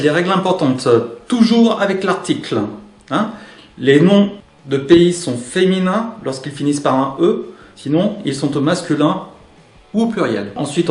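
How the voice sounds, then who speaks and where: Lively male French teacher, echoey room. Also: fairly high pitch. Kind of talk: grammar lesson to camera.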